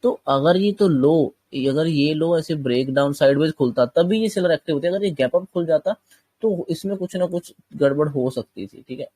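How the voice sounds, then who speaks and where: A man's voice: a little high, moderate pace, mellow, breathy edge, no echo. A man with a slightly sore throat teaching a chart-based trading lesson, explaining step by step and often checking that listeners follow. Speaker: trading instructor.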